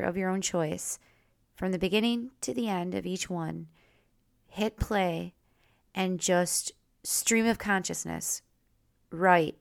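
A woman hosting a personal storytelling podcast, with a creaky, wavering voice that wanders in pitch and goes in and out. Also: dry recording, studio quality. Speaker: podcast host.

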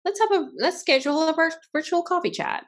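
A woman's voice: very high voice, fairly quick. A woman from Barbados, a guest chatting casually in an interview and laughing often.

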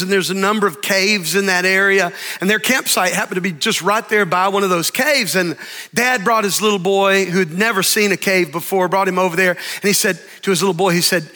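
A pastor preaching in a big sanctuary, his voice very high and bright, ringing out with a long hall reverb. He preaches in an animated way, slowing down for emphasis and acting out the voices in his stories. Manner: animated preaching, dramatic pauses, acts out story voices. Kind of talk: sermon.

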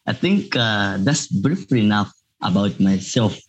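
Young Zambian man, low voice, lo-fi audio. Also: lively intonation, unhurried, husky. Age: young adult. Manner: hesitant with many uh fillers. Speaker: student guest. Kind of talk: casual interview.

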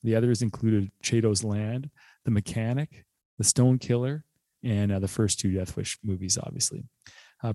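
A man co-hosting a casual movie podcast, laughing often and reading a quick plot rundown. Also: lowish voice, a little mellow, no echo. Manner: laughs often, fast rundown read aloud. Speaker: podcast co-host.

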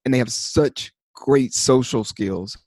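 A man co-hosting a podcast in casual chat, rambling and animated, with many fillers and restarts. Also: medium pitch, slow pace, no room sound. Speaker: podcast co-host.

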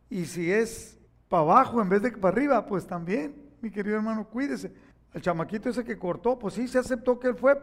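High-voiced preacher telling stories. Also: male voice. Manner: storytelling preacher, acts out quoted voices, rising to emphatic exhortation. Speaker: pastor. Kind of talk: sermon.

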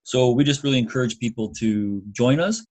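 A man's voice: medium pitch, fairly quick, a little mellow. A middle-aged man co-hosting a podcast in a casual, slightly hesitant way, as if thinking aloud. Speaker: podcast co-host. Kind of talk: casual chat.

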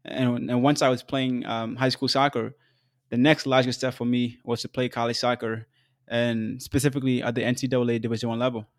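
Man in his twenties, from South Sudan, podcast host; measured and earnest, average pitch, dry close-mic read. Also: level tone, dry recording. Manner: measured, earnest, with occasional fillers. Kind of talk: scripted solo podcast narration.

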